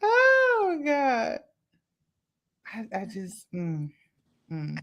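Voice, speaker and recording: A woman hosting a casual book chat over a video call, talking in an animated, emphatic way and laughing often. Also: on the high side, very slow. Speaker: podcast host.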